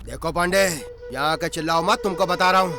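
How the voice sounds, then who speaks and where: A man's voice: fairly high pitch, a little fast, music in the background, lightly acted. An actor playing a stern man who warns a rival to mind his own business in a dubbed action film. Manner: stern, warning.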